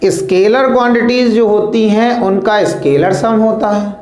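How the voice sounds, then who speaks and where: A man with a very high voice explains physics at a board, asking the class questions and answering them himself. He repeats words as he traces lines. The sound is roomy and echoing. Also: measured pace, a little mellow, soft background music. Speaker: physics teacher. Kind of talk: board lesson explaining step by step.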